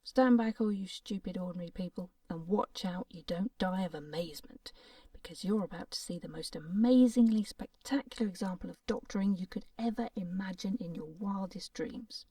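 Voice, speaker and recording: A woman's voice: mid-range voice, moderate pace, mellow, no room sound, far from the mic, close to an everyday voice. A woman doing a pompous bragging doctor. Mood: grandly boastful. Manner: pompous, showy proclamation. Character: boastful arrogant male traveling doctor.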